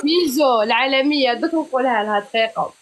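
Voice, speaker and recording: A woman's voice: high-pitched, fast. A woman with an Algerian Arabic accent, chatting casually as she takes part in a dialect challenge. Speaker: livestream participant in a dialect challenge. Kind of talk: casual chat.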